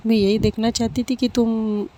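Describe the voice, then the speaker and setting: A woman's voice: fairly high pitch, little pitch movement, normal speed, background noise, natural voice. A woman voicing a confident, teasing young woman in a spoken love story.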